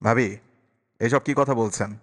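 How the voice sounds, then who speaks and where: A man's voice: mid-range voice, measured pace, lightly acted. A man voicing a grave, protective young uncle who speaks earnestly and firmly. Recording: long reverberant echo.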